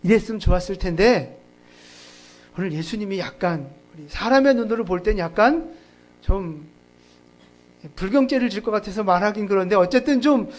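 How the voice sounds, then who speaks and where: A pastor preaching a sermon at a church service in a conversational, joking way, often laughing and putting questions to the congregation. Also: medium pitch.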